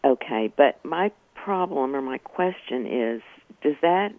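Guy phoning into a radio show, unsure, lots of ums, raspy, phone-quality sound. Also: mid-range voice, expressive, slow, no echo. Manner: hesitant, polite, lots of fillers. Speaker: caller. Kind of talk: phone-in question. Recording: tinny phone line.

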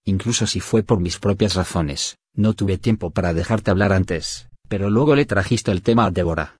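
A man reading the part of a chubby, excitable young man in an audiobook, complaining and defensive. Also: low-pitched, normal speed, breathy edge, dry recording, clean studio sound. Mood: aggrieved.

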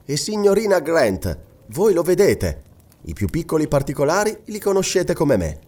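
A man voicing a gentle noble lady who speaks in a calm, measured, reassuring way, in an audiobook. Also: fairly high pitch, voice pushed up. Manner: measured, soothing. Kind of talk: audiobook reading.

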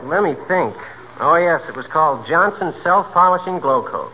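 A man's voice: on the high side, lively intonation, moderate pace, a little hiss or hum, lightly acted. An actor playing an earnest young merchant seaman, polite and deferential, in 1940s radio style. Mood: eager, polite. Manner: deferential, boyish. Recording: tinny narrow-band 1940s radio broadcast.

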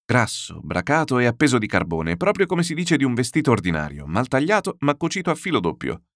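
Scheming fussy gentleman in a storybook reading, lively wheedling delivery, dry sound, played by a male reader. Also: mid-range voice, a little fast, no room sound, voice pushed up. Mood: scornful.

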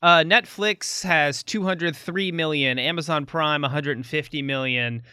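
A man's voice: fairly high pitch, a little slow, sharp tone, clear, resonant tone, dry recording. Male co-host, jokey and easygoing, dry close sound. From Florida. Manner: jokey, reads headlines and numbers aloud. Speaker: podcast co-host. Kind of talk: casual chat.

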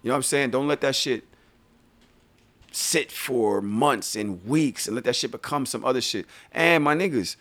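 A man's voice: medium pitch, moderate pace, a bit bright. A man with a middling voice holds forth on a podcast, cursing freely as he urges listeners to speak up. His delivery is loose and conversational, like a sermon from the couch. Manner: profane, preachy heart-to-heart advice. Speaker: podcast co-host. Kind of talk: casual chat.

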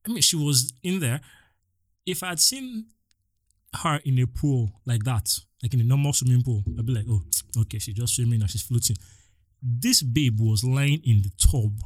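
A young man with a Nigerian accent hosting a solo podcast, talking in an animated, exasperated way straight to his listeners. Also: medium pitch, normal speed, no echo, studio quality. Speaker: podcast host.

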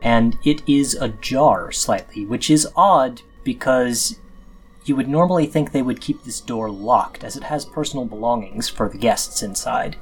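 A man running a tabletop role-playing game as game master, describing scenes in an unhurried way with pauses. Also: mid-range voice, slightly rough, faint music behind.

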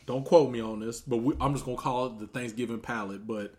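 A man's voice: medium pitch, steady tone, brisk, a little mellow. A man hosting a casual comedy podcast, talking in a loose, easygoing way with lots of fillers. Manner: laid-back, loose, with frequent "uh" fillers. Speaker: podcast host.

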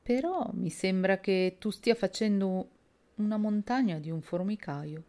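A woman's voice: mid-range voice, measured pace, mellow, close to an everyday voice. A woman voicing a brusque, impatient man. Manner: brusque and dismissive. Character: brother-in-law, impatient, easily alarmed man.

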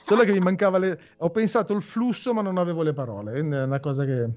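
A man's voice: sits high, fast talker, a little mellow. A man hosting a casual interview chat in a joking, rambling, digressive way. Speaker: host. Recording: slightly dull audio with music behind. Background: music.

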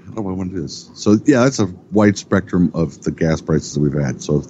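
A middle-aged man with a deep, dark voice talks casually as a guest, rambling and stopping to correct himself. The recording is dull and muffled, with a faint hiss underneath. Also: expressive, brisk. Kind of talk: casual chat.

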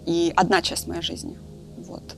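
A woman's voice: lowish voice, little pitch movement, moderate pace, vocal fry, a bit bright, soft background music. A woman in her thirties talking candidly in a casual podcast conversation, thinking aloud with lots of fillers. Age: 30s. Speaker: guest, film director.

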